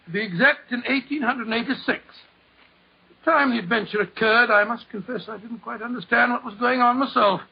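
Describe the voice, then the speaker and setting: A man's voice: very high-pitched, brisk, creaky, breathy edge, full character voice. A man acting a kindly, bumbling older English doctor in 1940s radio drama, dithering and stammering as he talks. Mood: reminiscing. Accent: British. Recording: muffled 1940s radio broadcast recording.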